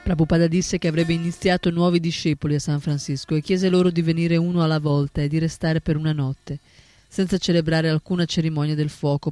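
A man narrating a biography in a steady, solemn scripted reading. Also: fairly high pitch. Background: faint instrumental music.

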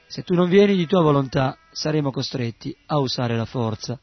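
A man voicing a calm, firm male magistrate who speaks in a measured, steady way. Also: mid-range voice, dry recording, lo-fi sound, natural voice.

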